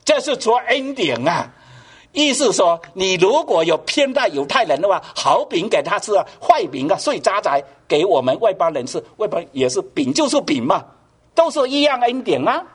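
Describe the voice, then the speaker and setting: Male pastor preaching; husky, slightly high voice, lively rises and falls, frequent rhetorical questions. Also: normal speed. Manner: animated preaching, rhetorical questions, voice rising with emphasis. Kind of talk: sermon.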